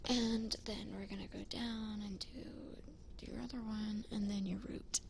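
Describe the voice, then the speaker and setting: A woman doing a fast-whispered ASMR role-play as a flaky, self-assured psychic, rambling in a breezy, informal way. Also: medium pitch, fairly even intonation, vocal fry, darkish tone, a little hiss or hum. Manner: rambling, breezy, informal filler-heavy talk. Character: flaky, self-assured female psychic giving a cleansing session.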